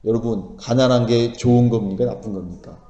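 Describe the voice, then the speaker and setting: A man's voice: mid-range voice, steady tone, fairly quick, mellow, highs cut off. A man, a pastor, preaching a sermon, asking the congregation questions and answering them himself. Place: church sanctuary. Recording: echoey church hall with long reverb.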